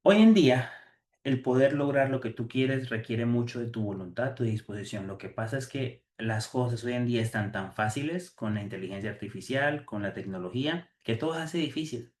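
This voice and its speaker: A man delivers a motivational talk in an emphatic, sermon-like manner. He stumbles over fillers and restarts often, at a middle pitch for a man, and the room around him has a strong echo. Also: expressive, moderate pace, a little mellow. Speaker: host.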